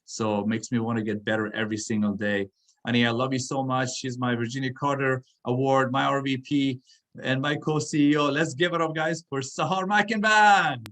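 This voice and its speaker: With a medium-pitched, slightly bright voice, steady tone, and normal speed, an Iran-born, Sweden-raised man speaks at a business event. His casual motivational talk rambles, with frequent fillers and restarts.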